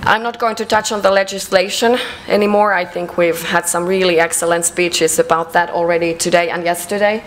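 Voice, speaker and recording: A woman with a Finnish accent giving a conference presentation, measured and hesitant, with frequent fillers. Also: lowish voice, fairly even intonation, poor audio. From Finland. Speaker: conference speaker. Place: conference hall.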